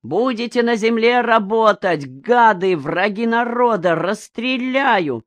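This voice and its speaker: A woman reading an audiobook, voicing a drunken rural man who shouts slurred threats. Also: low voice, very slow, clean tone, no room sound, exaggerated voice. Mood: drunken rage. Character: drunken rural man, rowdy village chairman.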